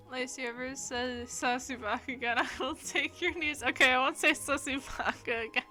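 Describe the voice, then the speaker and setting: A woman's voice: sits high, moderate pace, bright, forceful tone, faint music behind. A woman streaming a game, chatting casually in a giggly, playful way and laughing often. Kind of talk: casual gaming stream chat.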